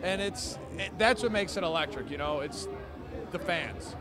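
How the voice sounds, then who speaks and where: High-voiced enthusiastic man, crowd around him. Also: moderate pace. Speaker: wrestling ring announcer being interviewed. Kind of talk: casual interview chat. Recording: outdoor urban crowd and traffic noise.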